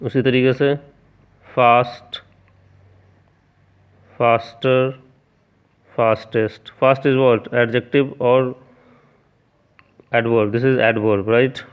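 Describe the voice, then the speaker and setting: A man teaching grammar speaks very slowly with long pauses, in a level, clean, mid-range voice. He spells words letter by letter and repeatedly asks the class rhetorical questions, and the audio has a tinny, phone-like quality.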